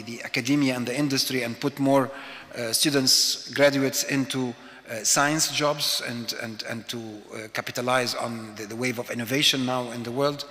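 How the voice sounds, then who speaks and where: Bright-voiced man speaking in a large hall. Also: medium pitch. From Egypt. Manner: hesitant, many "uh" fillers. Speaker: conference speaker. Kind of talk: conference talk. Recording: hall with long reverb.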